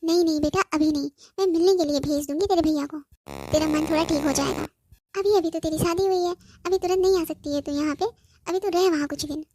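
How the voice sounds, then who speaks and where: A woman's voice: extremely high pitch, steady tone, fast talker, darkish tone, slight background noise. A woman voicing a worried cartoon mother on the phone who presses her daughter with questions and scolds her firmly. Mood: firm scolding. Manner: anxious questioning, then firm scolding. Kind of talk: cartoon voice acting.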